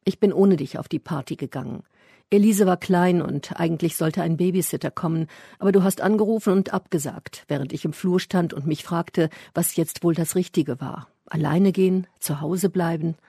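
A man reading a first-person literary story aloud in a measured, reflective way. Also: a little high, vocal fry, warm tone, breathy edge, no room sound, studio quality. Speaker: audiobook narrator.

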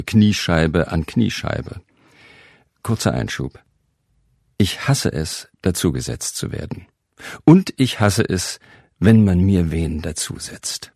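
A man tells a humorous first-person tale in a dry, ironic way. His voice sits very low, with a gravelly, husky grain. The sound is close and dry, with no room around it. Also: mellow, dry recording. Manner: dry, ironic storytelling with wry asides. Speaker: narrator.

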